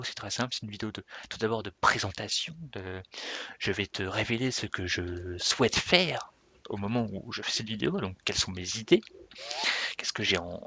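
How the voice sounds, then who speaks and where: A man's voice: on the low side, fairly bright tone, breathy edge, dry recording. A man giving an unscripted, rambling introduction to himself and his gaming server, often correcting himself and laughing at himself. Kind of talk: unscripted casual vlog talk.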